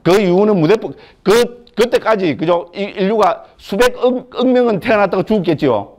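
A Buddhist monk gives a scripture lecture, his fairly high voice swinging up and down. He keeps it chatty and joking, tossing rhetorical questions at the class. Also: lively intonation, normal speed, a little mellow.

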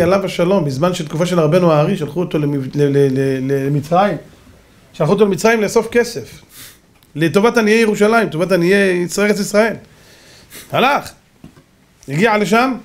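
A rabbi giving a lively sermon, telling stories and acting out the characters with shouts. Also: male voice, sits high. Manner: animated, acts out voices and shouts in stories. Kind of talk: sermon with dramatic storytelling.

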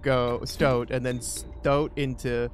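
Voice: medium pitch, level tone, slow, background noise. A gameplay co-player chatting casually and reading game text aloud. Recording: game music behind the voice.

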